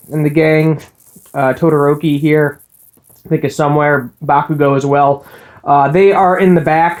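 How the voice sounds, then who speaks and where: A man's voice: fairly high pitch, darkish tone. A man giving a casual, rambling recap of an anime episode, full of ums and uhs, with the odd laugh. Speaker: anime reviewer.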